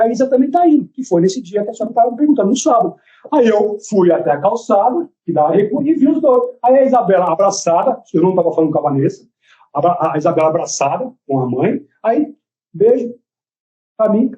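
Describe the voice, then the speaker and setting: Brazilian man on the witness stand, rapid and high, plays out every quote; muffled court recording. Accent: Brazilian Portuguese. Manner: animated storytelling, acting out quoted dialogue. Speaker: defendant testifying in court. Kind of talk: courtroom testimony.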